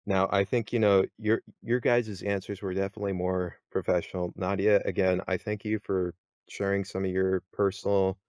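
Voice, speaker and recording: A man's voice: deep voice, little pitch movement, moderate pace, darkish tone, no room sound, studio quality. A man moderating a casual podcast chat, rambling with many fillers and restarts.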